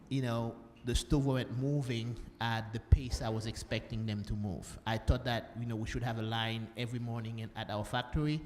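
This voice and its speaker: A Haitian man, a social entrepreneur, speaks on a panel in a conference hall, his medium-pitched voice carrying a darkish tone. He uses many fillers and restarts, and the recording has long hall reverb with faint room noise.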